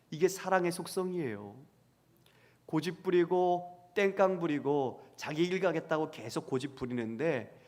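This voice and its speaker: A man's voice: fairly high pitch, darkish tone. A man preaching as a pastor who asks the congregation questions and acts out the voices he quotes. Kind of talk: sermon. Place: church sanctuary. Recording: long church hall reverb.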